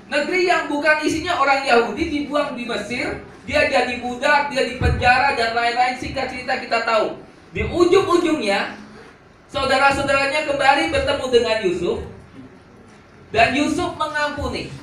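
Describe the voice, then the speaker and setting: A man preaching to students in a youth sermon, animated and asking the audience questions. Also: very high-pitched, normal speed, a little hiss or hum. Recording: echoey hall, from far off.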